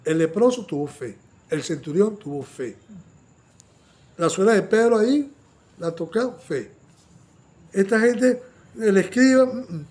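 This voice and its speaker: High-voiced man teaching a Bible study. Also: unhurried, pauses often. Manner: animated, often asks the listeners "sí o no"; acts out quoted lines in a raised voice.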